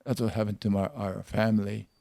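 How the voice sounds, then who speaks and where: A man in his eighties from Peru, slowly recalling his family's past in an oral history interview, often repeating himself. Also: lowish voice, steady tone, gravelly, dark tone, dry recording. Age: 80s. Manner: slow, deliberate recollection with repeated words.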